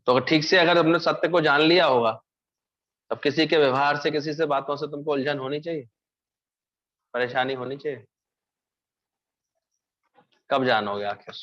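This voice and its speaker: A man's voice: on the high side, normal speed, pauses often, fairly bright tone. A man giving a spiritual discourse, telling stories and asking his listeners questions that he then answers himself. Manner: storytelling preacher, asks and answers own questions. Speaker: spiritual teacher. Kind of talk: Hindi satsang discourse. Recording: dull lo-fi recording.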